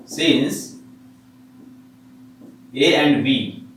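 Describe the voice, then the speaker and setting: Slow Indian-accented male teacher in echoey room. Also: mid-range voice, fairly bright tone. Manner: repetitive, poses questions and answers them himself. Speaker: maths teacher. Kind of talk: classroom lesson, explaining step by step. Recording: echoey room, distant mic, faint noise.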